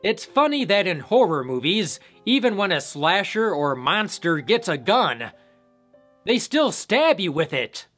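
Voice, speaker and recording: A man's voice: high voice, very animated, unhurried, music in the background. A man recapping a horror movie as a reviewer, with sarcastic joking asides. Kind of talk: comedic film recap narration.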